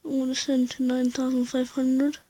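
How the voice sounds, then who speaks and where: A woman's voice: high-pitched, flat delivery, moderate pace, dark tone. A woman thinking aloud in casual gameplay commentary while flying a plane in a simulator at home. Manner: rambling, chatty, thinking aloud. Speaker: flight sim player. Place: at home, indoors.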